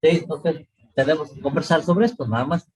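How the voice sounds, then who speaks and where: Husky man teaching an online class. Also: on the high side, a little mellow, low-quality recording. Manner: explains slowly, repeats points, many fillers and checks of "¿sí?". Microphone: video call.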